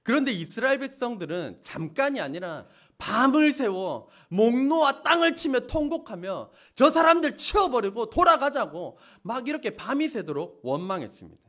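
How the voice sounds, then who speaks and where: Middle-aged male pastor, high expressive voice, preaching with theatrical outbursts. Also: moderate pace, few pauses. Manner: dramatic, acts out wailing crowds in loud outbursts. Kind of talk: sermon.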